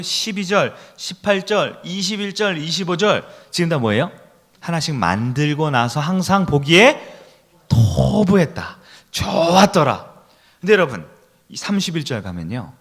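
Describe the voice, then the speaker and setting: A middle-aged man preaching a sermon in a church, who keeps asking the congregation questions and leads them in call-and-response. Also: a little high. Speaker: pastor. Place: church sanctuary.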